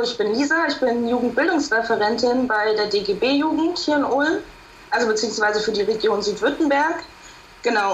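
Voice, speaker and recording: Brief: woman around thirty, plain mid voice, roomy echo, brisk guest. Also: mid-range voice, a little hiss or hum. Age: 30s. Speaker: studio guest.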